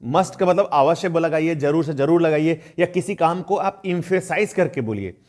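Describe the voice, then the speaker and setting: A man teaching an online grammar lesson in a conversational way, reading example sentences slowly and deliberately. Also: fairly high pitch, a little mellow. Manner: conversational, addresses viewers as friends. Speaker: English teacher.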